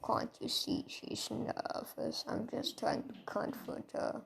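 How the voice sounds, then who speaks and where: A woman voicing a calm, scheming young male alien king in a fan story, speaking quietly and haltingly. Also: on the high side, vocal fry, full character voice.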